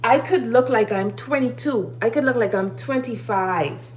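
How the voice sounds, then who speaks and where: A woman's voice: on the high side, normal speed, slight background noise. Preachy woman in her thirties. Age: 30s. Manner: preachy, urging, repeats key phrases. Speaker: live streamer. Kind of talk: casual live-stream monologue giving life advice. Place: home kitchen while cooking.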